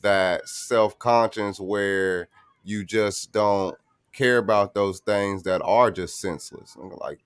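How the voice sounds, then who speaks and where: A man hosting a podcast interview, talking in a relaxed, slangy way. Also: lowish voice, slow, smooth, dry recording, studio quality. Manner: relaxed, slangy, says "bro" often. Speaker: podcast host.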